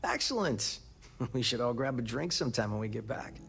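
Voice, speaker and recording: An actor playing an anxious, wordy, wry space operative in a video game, with a raspy voice. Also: male voice, mid-range voice, very animated, brisk, fairly bright tone, soft background music. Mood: wry, defensive. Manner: fretful, wordy, sardonic. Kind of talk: video game character dialogue.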